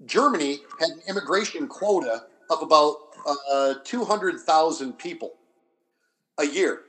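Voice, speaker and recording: The audio is poor, capturing a man whose voice is on the high side, a bit bright, with lively intonation. As a history scholar on a panel, he explains off the cuff and deliberately, with halting restarts and repeated phrases.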